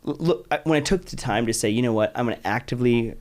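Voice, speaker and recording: A man's voice: medium pitch, fast talker, a little mellow. Male podcast host from Utah, mid-range voice, chatty and enthusiastic, casual interview talk full of restarts. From Utah, United States.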